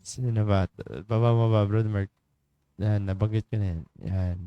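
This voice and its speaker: A man hosting a morning church devotion livestream in a studio, chatty, laughing often and filling pauses. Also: fairly low pitch, fairly even intonation, smooth, no room sound, muffled recording. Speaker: devotion leader and livestream host. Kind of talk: casual livestream greetings and devotional talk.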